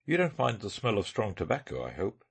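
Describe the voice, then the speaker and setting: Sherlock Holmes, read by a man, deep and husky. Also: wildly swooping pitch, brisk, heavily acted. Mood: brisk. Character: brisk eccentric male detective, wry. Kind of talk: audiobook character reading.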